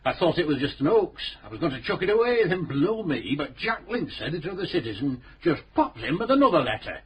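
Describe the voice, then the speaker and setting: An actor playing a blunt, talkative older police sergeant in a radio crime drama. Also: male voice, fairly high pitch, big pitch swings, fairly quick, slight background noise. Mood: gossipy.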